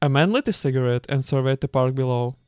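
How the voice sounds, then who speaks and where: Man reading a book aloud with commentary, smooth resonant voice, occasional stumbles, amused asides. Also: mid-range voice, fast talker, darkish tone, dry recording, clean studio sound. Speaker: reader.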